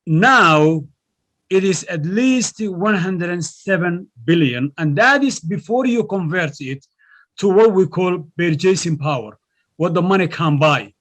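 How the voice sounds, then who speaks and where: High-voiced professor. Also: male voice, lively intonation, measured pace, a bit bright. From Somalia. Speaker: guest economics professor. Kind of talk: formal interview answers.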